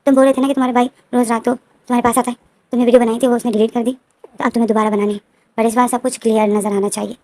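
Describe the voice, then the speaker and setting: A soothing young male friend, voiced by a woman storyteller lays out plans step by step. His tone stays calm and instructive, pitched a little high. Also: very fast, lightly acted. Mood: reassuring.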